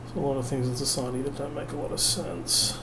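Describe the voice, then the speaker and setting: Filming at home at night, a sleepless vlogger pieces together a kit while talking fast in a mid-range, steady voice with vocal fry. He's wry and self-deprecating, meandering and letting sentences trail off into fillers. The home recording is noisy.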